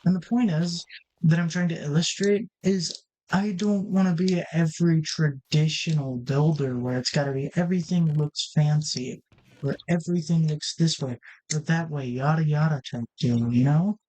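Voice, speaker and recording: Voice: mid-range voice, moderate pace, mellow, low-quality recording. Rambling, casual gaming commentator. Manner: rambling, self-correcting, thinks aloud. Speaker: gaming channel host.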